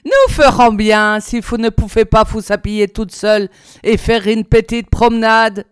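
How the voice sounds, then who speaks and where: A woman's voice: on the high side, measured pace, clean tone, no room sound, studio quality, lightly acted. A woman reading a story aloud, voicing a brusque, violent Prussian officer who gives harsh commands. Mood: mocking.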